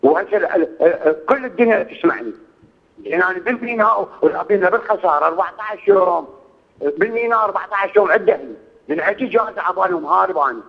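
A man's voice: sits high, animated, fast talker, vocal fry. Pleading Iraqi man in his sixties on a phone line. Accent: Iraqi Arabic. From Iraq. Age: 60s. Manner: pleading, swears oaths constantly, repeats himself. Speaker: caller. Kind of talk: call-in radio complaint.

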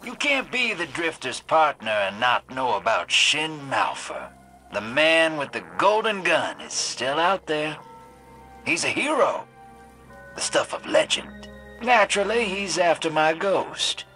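A man's voice: a little high, very animated, unhurried, sharp tone, faint music behind, exaggerated voice. An actor playing a shady, cynical male drifter and old survivor in a video game, with a sly, folksy drawl. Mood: wary, ominous. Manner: sly, folksy drawl, addressing the listener as kid and partner. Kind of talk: video game character monologue.

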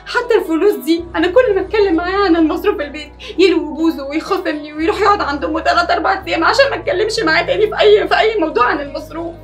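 A woman's voice: very high voice, very fast, hardly any pauses, distant mic, faint music behind. A woman with an Egyptian accent playing a frightened young wife and mother who pleads and swears oaths. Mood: complaining. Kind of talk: comedy sketch acting.

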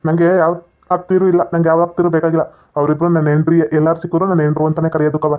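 A man playing a childish, lovesick madman son in a village comedy skit, insisting and whining fast. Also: on the high side, completely flat delivery, pitched below the performer's own voice, natural voice. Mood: stubborn. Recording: tinny phone-like lo-fi audio.

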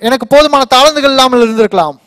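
A man interpreting a sermon live, quickly and fluently rendering each phrase right after the preacher. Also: extremely high pitch, a bit bright.

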